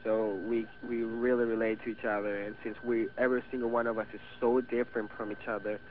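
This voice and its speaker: A man's voice: on the low side, level tone, fast talker. Teen man with Venezuelan Spanish accent, tinny audio. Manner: hesitant, many restarts, chatty. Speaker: guest actor. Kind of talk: casual interview. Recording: tinny phone-like radio audio with faint hiss.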